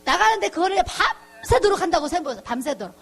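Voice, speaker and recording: A woman's voice: very high voice, big pitch swings, very fast. A middle-aged woman pastor giving a chatty testimony sermon, acting out the voices of the people in her story. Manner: chatty storytelling, acts out quoted voices, laughs often.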